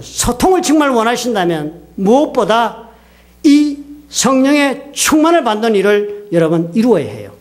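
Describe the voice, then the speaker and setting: A man preaching a sermon as a pastor, telling a story and putting questions to his congregation. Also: very high-pitched. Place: church sanctuary.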